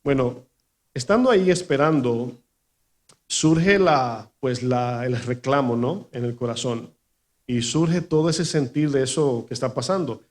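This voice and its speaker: A man's voice: mid-range voice, measured pace. A male pastor giving a sermon to his congregation. He tells a personal story, acts out the people he quotes and keeps asking his listeners questions. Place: church in New York.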